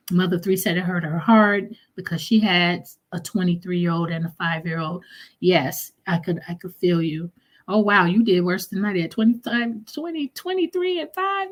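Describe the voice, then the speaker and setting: A middle-aged woman hosting a live stream, greeting viewers by name and reading their comments in a casual, chatty way that often trails off and restarts. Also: lowish voice. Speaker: livestream host.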